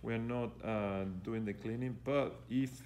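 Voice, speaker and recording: A male fitness coach commentates on an exercise demonstration from behind a handheld camera in an echoey gym. He instructs hesitantly, often repeating phrases, at a middling pitch, with faint noise in the background. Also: fairly even intonation, a little slow, darkish tone. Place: indoor gym. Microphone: handheld camera operated by the speaker.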